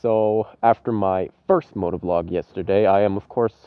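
A man's voice: lowish voice, fairly even intonation, normal speed, smooth, no room sound, narrow, tinny audio. A man who is sick with a cold giving a casual, informal vlog introduction on a city street. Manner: informal, sweary. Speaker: motovlogger. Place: outdoors on a city street beside a parked motorcycle.

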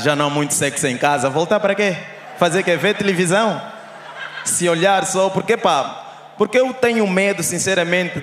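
Brief: young Angolan comic, Portuguese, loud crowd-teasing stand-up in a reverberant hall, raised voice. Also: male voice, fairly high pitch, slight background noise. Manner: loud crowd-teasing banter, shouted punchlines. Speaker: stand-up comedian. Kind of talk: live stand-up comedy. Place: live comedy show on stage.

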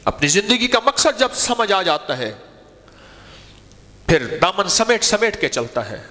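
A male preacher delivering a sermon with an animated storyteller's delivery, his voice rising and falling widely as he acts out the story. His tone sits a little higher than most men's. The sound carries a long reverb from a large hall.

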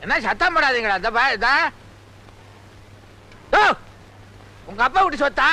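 A man's voice: very high-pitched, animated, measured pace, bright, forceful tone, full character voice. An actor playing a grumpy older male wedding guest who complains indignantly in film comedy dialogue. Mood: grumbling.

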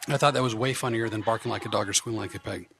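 A man's voice: lowish voice, steady tone, racing, creaky, a bit bright. A man who works as a comedian hypnotist, chatting as a podcast guest in a joking, self-deprecating way with many restarts. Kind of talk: casual podcast chat.

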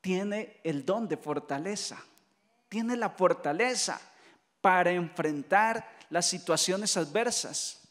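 High-voiced Colombian priest preaching in a reverberant hall. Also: male voice, slow pace. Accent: Colombian Spanish. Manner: lively storytelling preacher who mimics voices and jokes. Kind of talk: retreat sermon.

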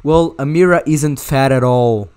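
A man's voice: medium pitch, unhurried, darkish tone, clean tone, faint music behind. A young man hosting casual comedic commentary, joking crudely and rambling. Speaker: commentary YouTuber.

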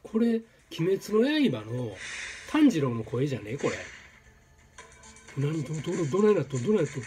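A man commentating his own gameplay, exclaiming and repeating words in quick bursts. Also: on the high side, sing-song, mellow, soft background music. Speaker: game streamer. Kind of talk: excited let's-play commentary.

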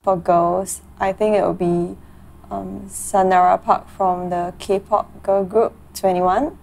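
Woman, twenties, medium pitch, relaxed chatty interview answers. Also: takes it slowly, creaky. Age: 20s.

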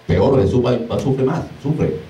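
Animated preaching man, echoey room. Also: medium pitch, normal speed. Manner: animated, mimics exclamations, laughs while preaching. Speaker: deliverance minister. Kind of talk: informal preaching to a small group. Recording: echoey room, far from mic, faint noise.

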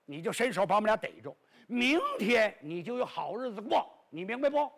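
A male storyteller voicing a boastful, cowardly bluffer who stammers and talks fast, with a raspy voice. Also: high voice, animated, exaggerated voice. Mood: bluffing.

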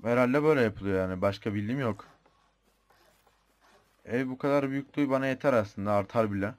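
A young Turkish-accented gamer talks briskly in a mid-range voice while commentating his own gameplay, keeping it casual and chatty as he thinks aloud, with the odd mild swear muttered under his breath.

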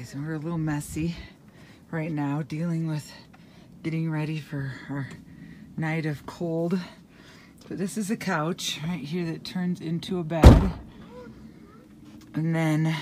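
Woman, fifties, casual vlog, slow, lowish voice, phone at arm's length, laughs a lot. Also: background noise. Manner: chatty, laughs often. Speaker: vlogger. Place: camp van and forest campsite.

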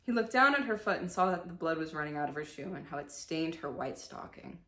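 Deep-voiced and lively, this young adult woman hosts a dramatic storybook reading with a brisk, bright, forceful delivery. Her casual, irreverent asides bounce around the echoey small bedroom where she records.

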